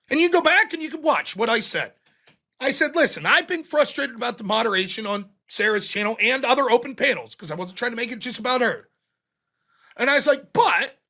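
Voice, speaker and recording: Man, indignant profane rant, bright tense tone, lively pitch. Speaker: online debate streamer. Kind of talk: heated ranting monologue.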